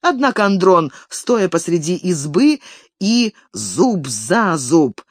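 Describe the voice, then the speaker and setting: Expressive audiobook reader with lively intonation. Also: mid-range voice, slow pace, no echo, studio quality. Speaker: audiobook narrator. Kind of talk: literary audiobook reading.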